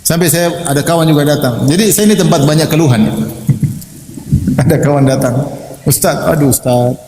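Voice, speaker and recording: Male preacher, lively sermon, acts out quoted voices, slightly high voice, echoey hall. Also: moderate pace, noisy background. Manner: animated, acts out quoted wives and husbands. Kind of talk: Islamic sermon. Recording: echoey hall with long reverb.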